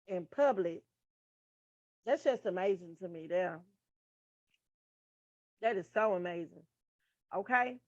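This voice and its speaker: A woman's voice: on the high side, vocal fry, a bit bright, no echo. A woman teaching nursing material in a casual, frank style, full of profane asides to her listeners. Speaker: nursing tutor. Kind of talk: casual study lesson. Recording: dull lo-fi sound.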